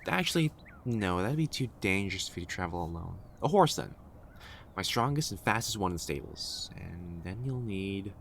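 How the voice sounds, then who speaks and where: A man playing a devoted, fussing servant to royalty in an audio roleplay, speaking in a deferential, fretful, halting way. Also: on the low side, fairly bright tone, slight background noise.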